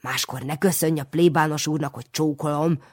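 A reader voicing a fussy, doting elderly village aunt who calls out and scolds in a high, shrill voice. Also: steady tone, close to an everyday voice. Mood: chiding.

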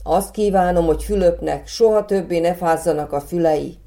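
A woman's voice: fairly low pitch, warm tone, natural voice. A woman voicing a happy village brother in a storybook, exclaiming his wish. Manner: exclaims happily. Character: cold-nosed youngest brother, bouncy village man.

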